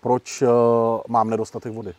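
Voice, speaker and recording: A man who works as a professional negotiator, explaining his methods in an interview in a lively, emphatic way. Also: on the low side, dry recording. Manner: lively, emphatic, acts out example quotes. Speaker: professional negotiator, guest speaker.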